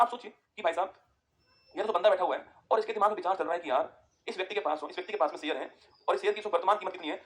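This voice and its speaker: Male classroom teacher, rapid delivery, slightly high voice, repeats points and dictates notes. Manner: repetitive, keeps checking in with students; dictates notes for students to write down. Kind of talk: exam-prep classroom lecture.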